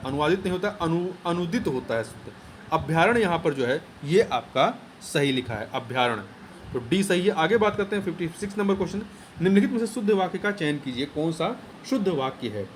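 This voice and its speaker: Exam tutor, male, high-pitched, methodical and repetitive delivery, faint noise under the voice. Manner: explains step by step, repeats key words, plain teaching tone. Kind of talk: exam answer explanation lesson.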